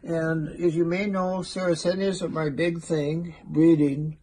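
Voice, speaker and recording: A man's voice: a little high, flat delivery, unhurried, darkish tone. A man over sixty giving a casual greeting to camera. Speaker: plant breeder. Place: indoor plant growing room.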